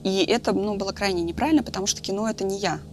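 A woman's voice: medium pitch, very fast, a little mellow, soft background music. A woman in her thirties talking candidly in a casual podcast conversation, thinking aloud with lots of fillers. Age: 30s. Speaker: guest, film director.

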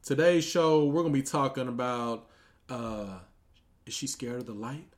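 A man's voice: medium pitch, normal speed. A man hosting a casual comedy podcast, talking in a loose, easygoing way with lots of fillers. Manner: laid-back, loose, with frequent "uh" fillers. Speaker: podcast host.

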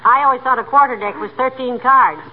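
Actress as a wry radio wife, tinny recording. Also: female voice, high-pitched, a little fast, close to an everyday voice. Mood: amiable, wry. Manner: wry, teasing. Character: dry-witted, patient wife needling her husband. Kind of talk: 1940s radio comedy acting. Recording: noisy tinny 1940s radio broadcast.

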